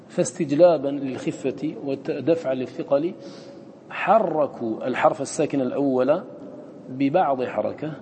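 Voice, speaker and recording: A man teaching Quran recitation to students. He chants the recited words slowly between quicker explanations and checks in with short questions. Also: medium pitch, warm tone, in a large hall, a little hiss or hum.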